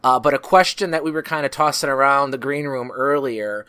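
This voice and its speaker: A man's voice: mid-range voice, brisk, bright, forceful tone, clear, resonant tone. Man hosting with easy banter. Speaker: podcast host. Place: remote video call.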